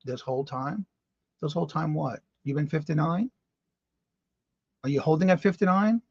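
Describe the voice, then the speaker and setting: Hosting a laid-back live-stream morning show, a man in his fifties chats with viewers by name, reads their comments and reacts with disbelief. He has a slightly high, breathy voice at a moderate pace, captured with no room sound and a muffled quality.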